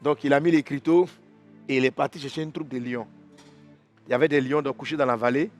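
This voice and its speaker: A man preacher telling an animal story in a lively way during a devotional sermon in a church. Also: medium pitch, fast talker, faint music behind.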